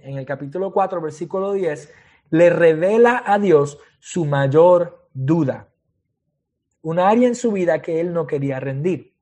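Man, pastor, sermon, high-pitched, code-switching, animated storytelling. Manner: switches between Spanish and English mid-sentence; animated, acts out dialogue between God and Moses.

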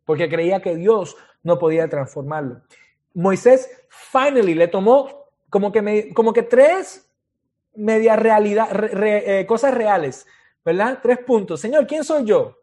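A man's voice: high voice, unhurried, darkish tone. A man preaching a sermon as pastor, switching between Spanish and English and acting out dialogue between God and Moses.

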